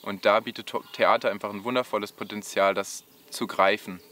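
A man in his thirties speaking thoughtfully in an interview, pausing now and then. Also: on the low side, fairly even intonation.

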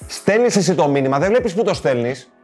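A man's voice: fairly high pitch, big pitch swings, a little mellow, soft background music. A man co-hosting a show, chatting casually and joking along with his partner. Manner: chatty, quick to agree and joke. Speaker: co-host. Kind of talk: casual comedic chat.

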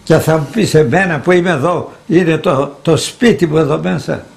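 Older male monk, husky, gravelly voice, speaks in slow, emphatic pronouncements. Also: fairly high pitch. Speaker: elderly monk being interviewed. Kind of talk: conversational interview.

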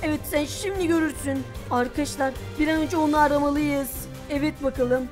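Female actor: squeaky, excitable cartoon boy, frantic, music bed behind. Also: fairly quick, lightly acted. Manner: frantic exclamations, addresses viewers. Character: excitable young male cartoon hero, panicky. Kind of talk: animated cartoon voice acting. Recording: background music under the voice.

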